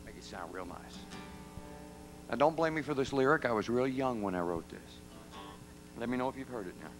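A man's voice: mid-range voice, lively intonation, a little fast, faint music behind, rough recording. A man, a singer-songwriter, trading folksy, teasing banter with a live audience. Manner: folksy, teasing, talks to the crowd and kids. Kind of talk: joking stage banter with the audience. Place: live concert venue.

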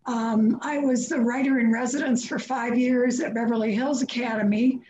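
An older woman with a fairly high voice speaks in a friendly, conversational way as she introduces herself. The sound is echoey, with a faint hum of room noise from a video call. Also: steady tone, moderate pace, darkish tone. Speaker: program chair. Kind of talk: introducing herself at a reading event.

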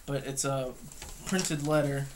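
Speaking slowly in a medium pitch with fairly even intonation, a young man talks through a gear review off the cuff. His manner is casual, hesitant and matter-of-fact. A camera across the table picks him up indoors at home, and the recording is clearly noisy with clicks.

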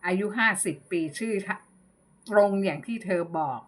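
A woman narrating a ghost story as host, in a measured, unhurried reading. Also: mid-range voice.

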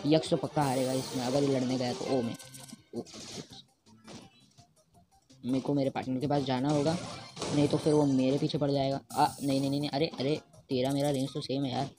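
A man giving live gameplay commentary from home, excitable and quick to repeat words over and over when he panics. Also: medium pitch. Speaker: mobile game player. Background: game music.

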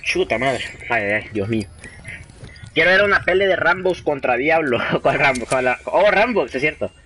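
This young Honduran streamer plays a game live, bantering with chat, reading messages aloud, and tossing English expressions into his slang. His fairly high voice is animated, bright, and forceful at a moderate pace, with a little hiss or hum present.

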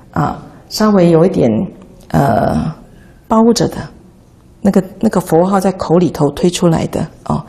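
Woman, buddhist nun, dharma talk, patient teaching tone, gravelly, dark voice. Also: lowish voice. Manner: patient, instructive, demonstrating chant rhythm.

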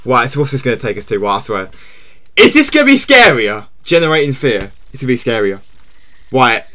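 A man's voice: medium pitch, big pitch swings, a little fast, bright, forceful tone. A man streaming a game live in casual chat, jumpy and repeating himself, yelping when startled.

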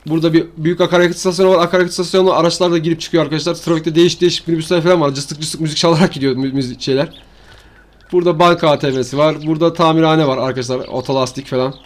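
A man's voice: a little high, steady tone, racing. A man giving rambling, slangy commentary while showing a farming game map to his viewers. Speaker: gaming channel host. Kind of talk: casual gameplay commentary.

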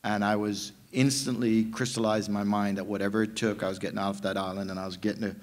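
Man from jamaica, 50s, lowish voice, animated panel talk, table mic, many restarts. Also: fast. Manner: animated storytelling with frequent restarts. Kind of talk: panel discussion. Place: conference panel room. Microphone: table mic on stand.

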